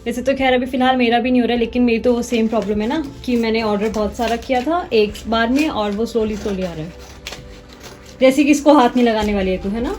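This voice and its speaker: Young woman, home vlog, teasing chat, fairly high voice, soft background music. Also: a little fast. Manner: chatty, teasing, talks to viewers. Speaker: vlogger.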